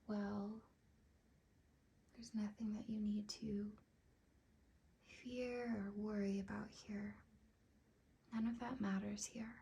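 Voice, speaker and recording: Speaking at a medium pitch, a woman leads a guided meditation in a soft, breathy ASMR whisper. She is gentle and soothing, taking long pauses without hurrying.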